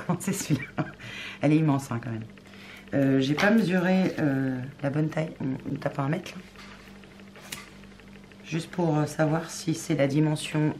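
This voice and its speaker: Soft-spoken woman chatting over background noise. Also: deep voice, rough recording. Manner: chatty, often murmured and soft, thinking aloud with many fillers. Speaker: crafts video host. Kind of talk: casual unboxing chat.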